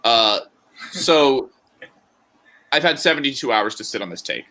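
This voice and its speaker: A man's voice: medium pitch, lively intonation, measured pace, sharp tone. A man co-hosting a podcast in casual banter, joking and rambling with frequent laughs. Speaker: podcast co-host.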